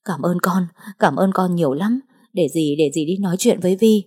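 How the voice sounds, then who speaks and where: A woman playing a desperate middle-aged mother, tearful and imploring, in an audiobook. Her voice is husky and dark, a little raised when she begs. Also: on the low side, normal speed. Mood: pleading. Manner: imploring, insistent.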